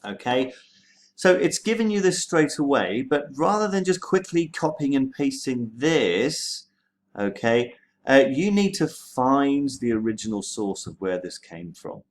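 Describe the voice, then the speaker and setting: A man teaching history, walking students through a screen-share tutorial in a relaxed way with many ums and okays. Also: medium pitch, unhurried.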